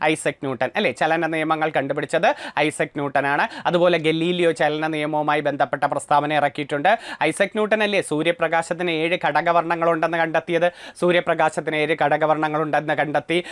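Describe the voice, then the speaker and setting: A man's voice: fairly high pitch, fairly bright tone, dry recording. Dry-voiced Malayali man drilling exam facts. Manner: drilling, repeats questions and answers. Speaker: exam coaching teacher. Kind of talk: exam prep lecture.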